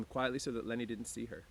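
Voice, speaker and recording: Outdoors near the woods, a man with a mid-range voice and a brisk pace talks casually to students and reads them a book, his delivery relaxed like an easygoing teacher's. Throat clearing comes up frequently, and clear outdoor background noise runs through the recording.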